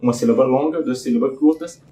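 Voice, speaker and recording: A man hosts a casual book review and talks in an informal, earnest way, dropping tag questions all the time. His voice is mellow and average in pitch, and it rings around a roomy, echoey space. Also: fast. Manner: informal, frequent filler tags, earnest enthusiasm. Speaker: book channel host.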